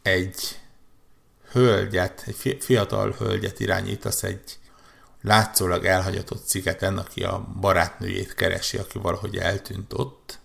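A man's voice: sits low, little pitch movement, gravelly, fairly bright tone. A man on a podcast, chatting casually about video games, rambling with many restarts and repeated words. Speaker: podcast co-host. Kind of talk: casual gaming chat.

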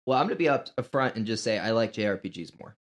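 A man with a fairly low voice speaks as a podcast co-host in natural, unscripted conversation. He sounds casual and a little hesitant, working out his thoughts as he goes. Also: expressive, rapid-fire.

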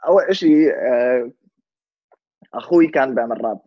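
A man's voice: medium pitch, a little fast, no room sound, muffled recording. A man in his twenties with a Levantine Arabic accent, chatting informally as an interview guest, explaining things and mixing in English words. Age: 20s. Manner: informal, explanatory, checks listener understands. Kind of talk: casual conversational interview with English words mixed in.

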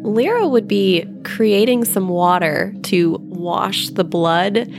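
Female tabletop player, relaxed, gravelly low voice, music playing under. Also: slow. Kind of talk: describing her character in a tabletop game.

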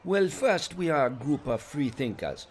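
An actor playing an earnest, laid-back fringe free thinker in a comic radio interview. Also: male voice, fairly high pitch, expressive, measured pace, slight background noise. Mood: earnest, easygoing.

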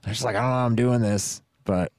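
A man's voice: mid-range voice, steady tone, quick pace, a little mellow, dry recording, studio quality. Laid-back, foul-mouthed man in his thirties. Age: 30s. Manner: laid-back, swears freely, acts out others' voices. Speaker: podcast host. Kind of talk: casual podcast chat.

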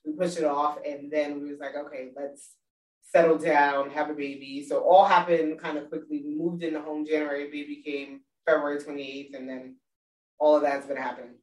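A woman talking in a relaxed conversation, chatty and quick to laugh. She sounds set back from the microphone, and her voice rings in an echoey room. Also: low voice. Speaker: guest, mother. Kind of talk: casual chat about money. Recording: roomy, distant mic.

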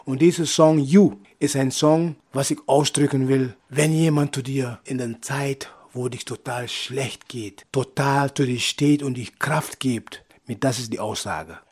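A man from Aruba, a musician talking lively and casually in loose in an interview. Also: medium pitch, a little slow, few pauses, husky. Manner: lively, in loose non-native German.

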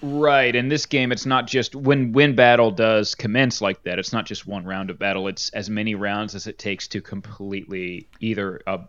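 Podcast co-host, man, low voice, relaxed explainer, dull lo-fi recording. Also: moderate pace, few pauses. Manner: relaxed, explains rules with fillers. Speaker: board game podcast co-host. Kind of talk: casual chat. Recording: dull lo-fi sound.

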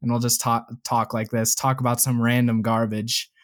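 A young man with a slight lisp hosts a gaming podcast in a loose, casual way. His voice sits at an ordinary middle pitch, and he leans on fillers and easy laughs. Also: little pitch movement, moderate pace, a bit bright. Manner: laid-back, filler-heavy, laughs often. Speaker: podcast host.

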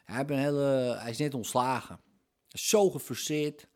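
A man's voice: medium pitch, fairly even intonation, moderate pace, darkish tone. A man giving an explanatory monologue on hypnosis, talking conversationally, working through everyday examples and often checking in with tag questions.

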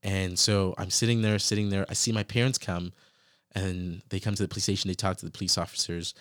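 Young man, low-ish voice, earnest animated storytelling, quotes his own thoughts, dry close sound. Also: a little fast, no echo. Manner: references scripture while reflecting. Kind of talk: casual personal storytelling.

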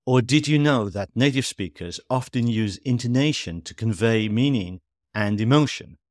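A man teaching English in a scripted podcast lesson, reading at a steady, measured pace and spelling out examples clearly. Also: medium pitch, no room sound, clean studio sound.

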